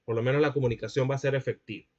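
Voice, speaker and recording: A man with a Venezuelan accent gives a linguistics lecture in a voice of ordinary middle pitch. He explains patiently and keeps pausing to ask whether the class is following. The sound is dull and lo-fi. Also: steady tone. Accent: Venezuelan Spanish. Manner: explanatory, checks in with students often. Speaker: linguistics teacher. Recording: muffled lo-fi audio.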